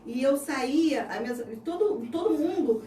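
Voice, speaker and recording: A woman's voice: high-pitched, lively intonation, normal speed, warm tone. Earnest Brazilian woman, distant and echoey. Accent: Brazilian Portuguese. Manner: earnest, heartfelt storytelling. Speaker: interview guest. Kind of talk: personal faith testimony. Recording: echoey room, distant mic, faint noise.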